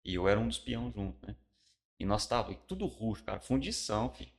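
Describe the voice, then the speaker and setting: Man, middle-aged, Brazilian Portuguese accent, low voice, pastor guest, colloquial animated testimony. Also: fast talker. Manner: colloquial, animated storytelling, drops to a hush for solemn parts. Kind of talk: personal testimony in casual conversation.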